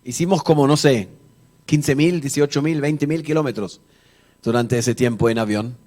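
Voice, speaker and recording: A man's voice: medium pitch, moderate pace, darkish tone. A male pastor preaching a sermon in church. He talks in a conversational, joking way and tells the story with animation, acting out the dialogue. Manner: conversational, jokes with the congregation. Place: church service before a congregation.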